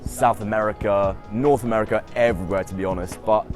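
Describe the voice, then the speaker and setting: A UK-raised students' union officer in his twenties answers interview questions in an upbeat, chatty manner, peppered with "I mean" and "um." His voice is fairly low, with fairly even intonation and a quick pace, and there's music in the background.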